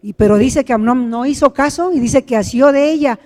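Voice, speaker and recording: High-voiced preacher in echoey hall. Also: male voice, fairly quick, a little mellow. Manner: earnest storytelling, explanatory asides. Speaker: pastor. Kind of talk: sermon. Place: church.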